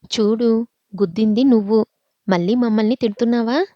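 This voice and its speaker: A woman's voice: fairly high pitch, fairly even intonation, moderate pace, no room sound, lo-fi sound, natural voice. A woman voicing an arrogant rich young man who taunts and threatens. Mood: mocking.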